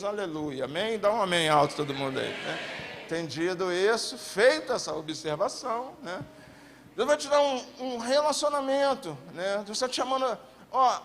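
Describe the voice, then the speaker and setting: Brazilian male pastor, high voice, fervent preaching, faint room ambience. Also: a bit bright, slight background noise. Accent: Brazilian Portuguese. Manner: impassioned, calls for amens, acts out God's voice. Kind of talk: sermon.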